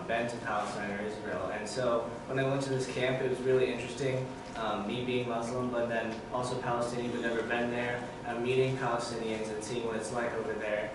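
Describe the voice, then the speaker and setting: Teen guy, reflective testimony, mid-pitched, distant echoey hall with clear room noise. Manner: relaxed, reflective, with fillers. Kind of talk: personal testimony at forum. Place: large church hall with audience. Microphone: far camera, no mic.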